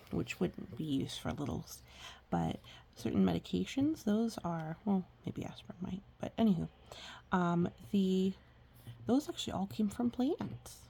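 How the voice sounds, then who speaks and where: A woman with a husky, breathy, mid-range voice reads a picture book aloud to young children, expressive and unhurried. She adds chatty, gently explaining asides and murmurs agreement.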